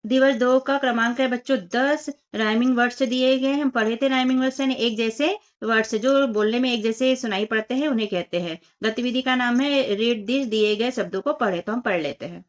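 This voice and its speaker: Female teacher, patient step-by-step children's lesson, slightly high voice, muffled recording. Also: brisk, few pauses. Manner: patient, explains step by step, addresses children as 'बच्चों' and 'बेटा'. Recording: dull lo-fi voice recording.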